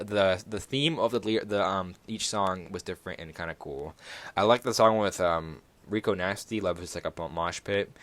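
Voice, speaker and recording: A man's voice: low-pitched, a bit bright. A young man hosting a casual solo podcast, rambling through music news with many fillers and self-corrections. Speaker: podcast host.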